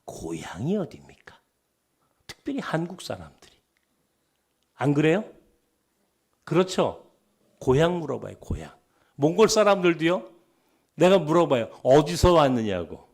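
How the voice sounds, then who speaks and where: This middle-aged Korean pastor, with a slight Chungcheong dialect, animates his sermon through storytelling and acted-out exchanges, occasionally falling to a whisper. His fairly high voice is a little slow, with frequent pauses.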